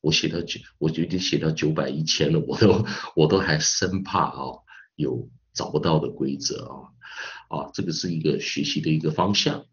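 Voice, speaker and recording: Low-voiced teacher. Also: male voice, a bit bright, lo-fi sound. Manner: repeats spellings slowly, peppers speech with 啊 and 哦. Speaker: English pronunciation teacher. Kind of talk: online phonics lesson.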